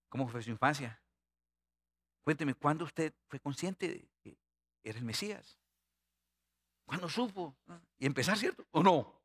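Bright-voiced pastor preaching. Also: male voice, fairly high pitch. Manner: animated, questions the congregation directly. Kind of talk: sermon.

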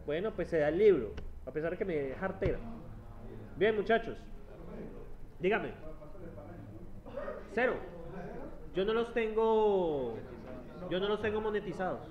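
A man lecturing a university class, chatty and teasing, checking in with the students all the time. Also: high voice. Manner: chatty, teasing, asks "¿sí?" constantly. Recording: dull lo-fi classroom recording.

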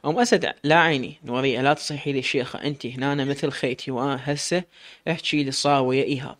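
A man's voice: mid-range voice, fairly even intonation, fast, close to an everyday voice. A man voicing a kind, sympathetic older matriarch. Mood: gentle. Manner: gentle, sympathetic.

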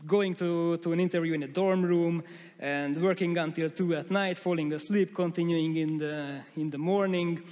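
A man's voice: fairly high pitch, fairly even intonation, normal speed, darkish tone. A man giving a conference talk on a large stage, often restarting and searching for words. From Hungary. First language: Hungarian. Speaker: conference speaker. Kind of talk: conference presentation. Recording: long hall reverb.

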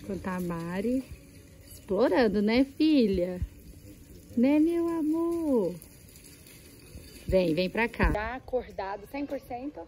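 A woman's voice: expressive, measured pace, a little mellow, slight background noise, poor audio. A woman talking casually as a travel vlogger outdoors at a beach resort, speaking into a handheld camera and often chatting to her dog. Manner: chatty, talks to her dog in a high sweet voice. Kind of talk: casual travel vlog narration.

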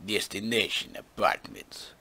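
A hoarse young man who is losing his voice, doing profane, grumbling gameplay commentary that swings from loud rants to low mutters. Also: lively intonation, unhurried. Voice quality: rough, smoker-like. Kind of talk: casual gaming commentary.

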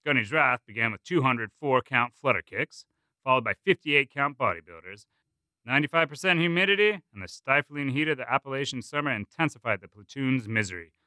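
A man narrating a written story in a measured, expressive reading style. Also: mid-range voice, no echo. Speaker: story performer. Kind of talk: scripted narration.

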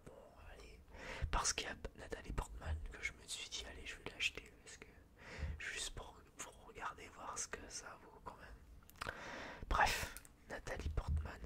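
French-accented and whispering in an unvoiced, breathy tone, this vlogger chats about film purchases for a relaxation video. The delivery is casual and faltering, wandering off track, with a self-deprecating streak.

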